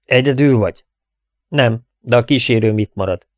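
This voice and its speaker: A man's voice: medium pitch, no echo, studio quality, close to an everyday voice. A man voicing a tough young cowboy hero who gives short, commanding orders. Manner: terse, commanding.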